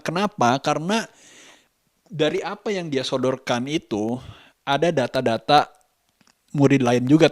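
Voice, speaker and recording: A male vlogger and host talks reflectively in a casual vlog, hesitant and halting as he searches for words and repeats phrases. His voice is medium-pitched, recorded with studio quality and no echo.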